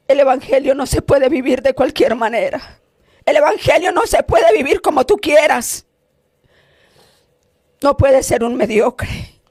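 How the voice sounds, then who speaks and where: A woman's voice: high-pitched, a little mellow, dry recording, studio quality. A woman preacher giving an emotional testimony sermon, fervent and emphatic, breaking in with hallelujahs. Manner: slow, emphatic delivery.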